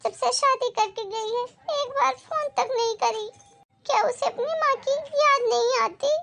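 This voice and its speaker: A woman voicing a worried, loving poor mother who speaks gently and anxiously. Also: very high-pitched, a little slow, vocal fry, faint music behind, voice pushed up, exaggerated voice. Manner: anxious, gentle, soft-spoken.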